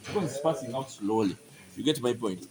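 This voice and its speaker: A man's voice: medium pitch, expressive, a little fast, a crowd in the background. A man guiding visitors through a dairy barn, explaining step by step and often checking that his listeners follow. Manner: explanatory, keeps checking "you get my point?". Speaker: farm guide. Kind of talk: explaining on a farm tour. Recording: noisy farm barn recording.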